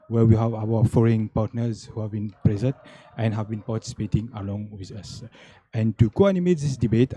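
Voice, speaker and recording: A man's voice: fairly low pitch, dark tone, a little hiss or hum. A man with a Mauritian accent hosting a panel debate, speaking hesitantly with many fillers. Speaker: debate host.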